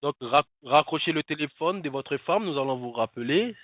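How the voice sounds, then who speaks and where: A man's voice: fairly high pitch, expressive, normal speed, dry recording. A man on a phone call, posing as tech support and giving insistent instructions that he repeats several times. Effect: over a phone line. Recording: muffled phone-line audio.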